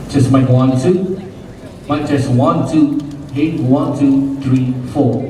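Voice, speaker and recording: A man doing a slow microphone sound check, his voice heard through loudspeakers at an outdoor rally. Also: medium pitch, fairly even intonation. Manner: slow, repetitive test counting. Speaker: sound technician. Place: outdoor political rally ground. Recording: echoey loudspeaker sound from far off.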